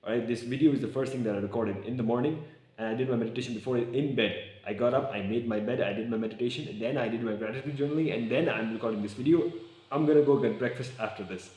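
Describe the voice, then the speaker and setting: A young man vlogging in casual, excitable talk to camera, slangy and swearing. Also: mid-range voice, fast. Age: young adult. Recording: echoey room.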